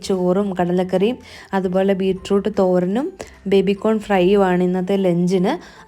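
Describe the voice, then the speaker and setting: A homemaker narrates her daily routine over the footage, talking to viewers in a chatty, friendly way. Her voice is mellow and warm, at an ordinary middle pitch. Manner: chatty, friendly, often adds a conversational tag to sentences. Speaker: homemaker vlogger. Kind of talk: narrated day-in-the-life voice-over.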